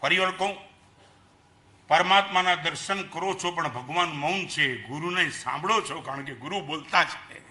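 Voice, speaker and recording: Older man, Gujarati accent, sermon, high voice, very bright tone, questions to listeners. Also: normal speed. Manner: animated preaching, swings between soft asides and loud emphasis; rhetorical questions to the audience. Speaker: Jain monk lecturer. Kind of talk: sermon to an assembly.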